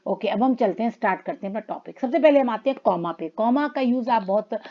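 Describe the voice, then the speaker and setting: A woman teacher explaining a grammar lesson in a classroom style, calling her students children and reading examples slowly. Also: fairly high pitch, expressive, dull audio. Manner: addresses students as children, reads English lines slowly.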